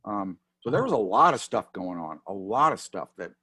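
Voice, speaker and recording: A man's voice: lowish voice, big pitch swings, normal speed, sharp tone, breathy edge, no room sound. A man leading an informal class discussion, talking hesitantly with many fillers and restarts. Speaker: course leader.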